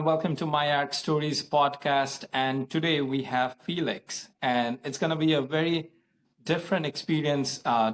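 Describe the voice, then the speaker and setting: A man's voice: medium pitch, slight background noise. A man hosting an interview podcast, talking in a friendly, informal way with fillers. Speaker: podcast host. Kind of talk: casual interview chat.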